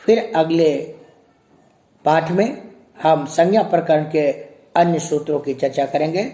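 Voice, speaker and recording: A man, a grammar professor, giving a measured recorded lecture and reciting rules slowly. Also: fairly high pitch, dark tone. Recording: echoey room.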